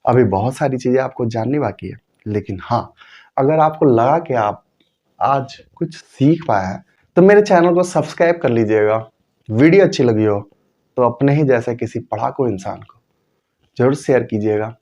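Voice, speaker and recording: A man's voice: medium pitch, lively intonation, normal speed, warm tone, highs cut off. A man teaching English pronunciation, drilling example words by asking and repeating them. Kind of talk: classroom-style lesson.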